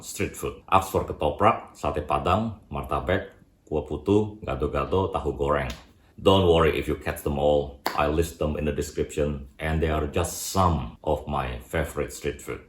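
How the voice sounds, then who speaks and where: A man from Indonesia with an Indonesian accent, hosting a scripted advice video and speaking directly to viewers. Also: very deep voice. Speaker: YouTube host. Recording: roomy indoor echo.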